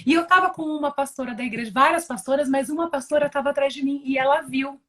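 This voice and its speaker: A woman's voice: high-pitched, fast, fairly bright tone. A Brazilian woman giving an earnest, emotional personal testimony in conversation, often restarting and repeating words as she talks. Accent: Brazilian Portuguese. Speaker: guest giving a religious testimony.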